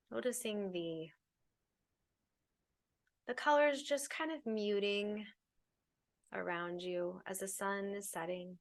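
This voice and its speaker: A woman guides a meditation in a medium-pitched, slightly bright voice. Her instructions are soothing and unhurried, with space left between phrases as she leads the listener along.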